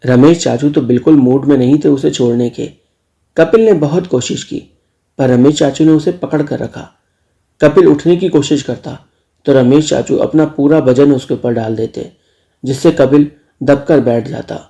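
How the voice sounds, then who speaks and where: Male story narrator, dark mellow tone, slight fry. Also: medium pitch, moderate pace. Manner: direct appeals to listeners.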